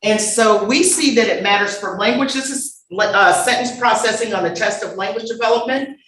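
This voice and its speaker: Woman, bright tone, lively humorous conference lecturer, echoey room. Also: on the high side, moderate pace. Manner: lively and humorous, calls for next slide. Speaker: conference speaker. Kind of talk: lecture with audience banter. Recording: roomy hall sound.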